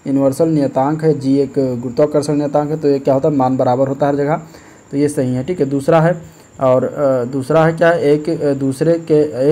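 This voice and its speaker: A man teaching as an exam-prep tutor, working through practice questions step by step and often checking in with "okay". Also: on the high side. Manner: steady explanatory, repeats "ठीक है", frequent fillers. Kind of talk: explaining practice test questions.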